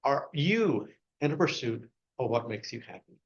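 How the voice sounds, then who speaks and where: At a club meeting, a man gives a short speech and fires one question after another at the audience, sometimes getting loud and excited. His voice is medium-pitched at a normal speed, and the recording sounds muffled.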